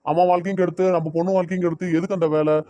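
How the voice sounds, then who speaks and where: A man's voice: high-pitched, little pitch movement, rapid-fire, dark tone, no echo, muffled recording, close to an everyday voice. A man with a Tirunelveli Tamil accent voicing a stubborn middle-aged father in a cartoon, scolding his wife in an argument. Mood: heated. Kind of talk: cartoon voice acting.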